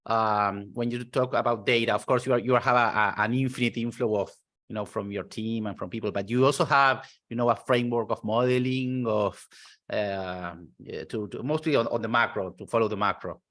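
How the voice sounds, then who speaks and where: A man hosting an online interview, enthusiastic and halting, with many fillers. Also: on the low side, steady tone, a bit bright. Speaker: interview host.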